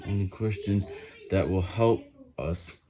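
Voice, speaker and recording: A man reading a book aloud while doing push-ups, sounding effortful and halting, stumbling over words and repeating them. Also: deep voice, crowd noise. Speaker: amateur vlogger reading aloud.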